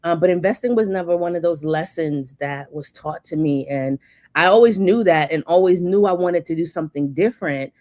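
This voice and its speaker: A woman's voice: lowish voice, a little fast, dark tone, no echo. A woman in her forties, a guest coach and speaker, talking candidly in a conversational interview over a video call. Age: 40s.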